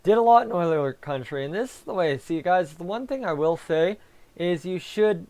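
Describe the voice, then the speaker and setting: A man's voice: high voice, lively intonation, normal speed, darkish tone. A man hosting a live hockey fan reaction stream, chatting casually and answering viewers while talking with a sore, raw tongue. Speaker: fan livestream host.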